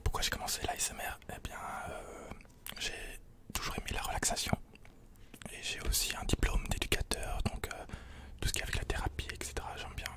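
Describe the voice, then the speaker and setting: Whispering softly and unhurriedly into a nearby desk condenser mic, a man from Belgium responds to questions ASMR-style. He's recording indoors in a small attic room.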